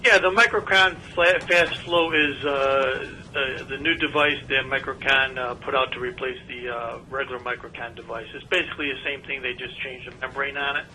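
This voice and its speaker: A man heard over a speakerphone, answering committee questions in a measured, explanatory way with frequent "uh" fillers. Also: medium pitch, steady tone, pushed and bright, a little hiss or hum, low-quality recording. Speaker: lab representative calling in.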